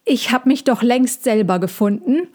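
A woman voicing a young, cheeky, hungry animal cub boy in a storybook, with a bright, eager voice. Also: a little high, expressive, normal speed, pitched above the performer's own voice. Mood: defiant.

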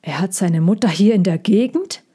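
A woman reading a storybook, voicing a gruff male circus boss who blusters loudly. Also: mid-range voice, animated, moderate pace. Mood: shaken.

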